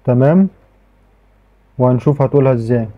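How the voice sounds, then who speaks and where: A man's voice: medium pitch, brisk. A man with an Egyptian accent explaining a tech tutorial in a chatty way, often restarting his sentences. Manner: chatty, repeats "okay" often, frequent restarts. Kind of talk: casual screen-recorded tutorial. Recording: tinny phone-like audio.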